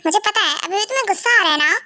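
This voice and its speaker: A woman's voice: extremely high pitch, animated, very fast, bright, forceful tone, no echo, exaggerated voice. A woman playing a mother who teases and scolds her vampire son in a fan audio drama. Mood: soothing. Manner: teasing, scolding.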